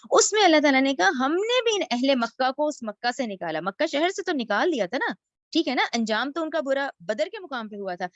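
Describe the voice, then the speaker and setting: A woman's voice: high voice, a bit bright, no room sound. Woman teaching Quran, dry lo-fi sound. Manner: recites each Arabic phrase slowly, then explains it in casual Urdu. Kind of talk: word-by-word Quran translation lesson.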